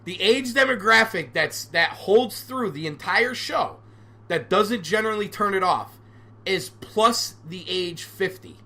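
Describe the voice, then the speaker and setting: A man's voice: sits high, lively intonation, a little slow, sharp tone. A man in his forties hosting a solo podcast, ranting sarcastically and with animation. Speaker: podcast host.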